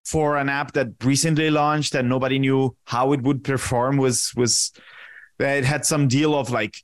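A man in his thirties from Italy, a podcast guest answering questions in a relaxed way, often pausing with fillers as he searches for words. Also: medium pitch. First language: Italian. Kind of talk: casual interview answers.

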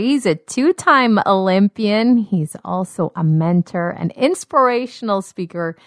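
A woman's voice: fairly low pitch, no room sound, clean studio sound. A woman presenting a talk show, reading an upbeat scripted introduction of the guest.

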